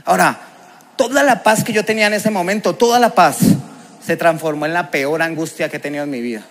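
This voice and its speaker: A man's voice: fairly high pitch, fairly quick, a bit bright. A man with a Colombian accent giving a personal testimony as a preacher, telling it vividly and with emotion. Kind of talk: testimony sermon.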